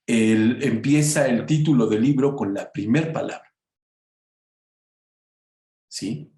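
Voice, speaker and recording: A man teaching a Bible study lesson, calling his listeners brothers and often pausing on "este". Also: mid-range voice, dark tone, reverberant. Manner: slow and unhurried, many filler "este", addresses listeners as brothers.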